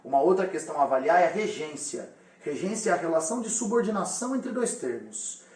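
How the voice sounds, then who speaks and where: A man with a fairly high voice teaches a recorded lesson and speaks straight to his students. He sounds set back from the mic, and the room gives his voice a clear echo. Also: big pitch swings, fast talker, darkish tone, recorded from a distance. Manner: explanatory, addresses students directly.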